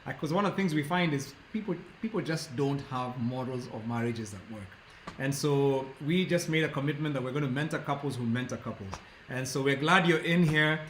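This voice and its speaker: A man's voice: medium pitch, brisk, a bit bright, a little hiss or hum. Chatty man in his fifties, echoey room. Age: 50s. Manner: chatty, self-deprecating, laughs often. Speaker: co-host. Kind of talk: casual chat.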